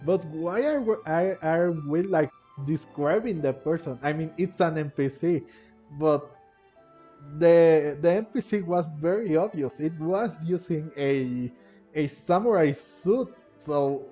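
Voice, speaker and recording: Over faint game music, a gamer with a fairly high, warm voice comments slowly and casually on his play, rambling hesitantly and repeating himself often. The recording sounds muffled.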